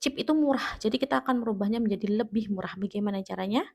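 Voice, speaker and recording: An Indonesian woman teaches grammar in a patient, step-by-step way. Her voice sits at a middle pitch, and she often pauses to check that her students are following. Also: vocal fry, a little mellow. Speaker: English teacher. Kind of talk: classroom-style grammar lesson.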